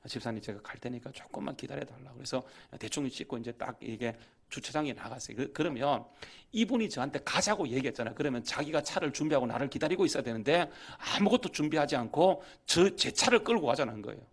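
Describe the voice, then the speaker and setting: A man preaching in a church with a gravelly, husky voice. His pitch swings widely as he acts out conversations and builds to emphatic, fervent calls. He preaches as a guest pastor. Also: quick pace, hardly any pauses. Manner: animated, acts out dialogue, rising to emphatic preaching. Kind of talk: storytelling sermon. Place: church sanctuary.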